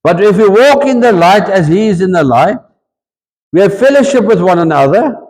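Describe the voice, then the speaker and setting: A man with a South African accent preaching a sermon as pastor, mixing English and Afrikaans in an animated, conversational way. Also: high voice, moderate pace, long reverb tail, low-quality recording. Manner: switches between English and Afrikaans mid-sentence, animated. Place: church.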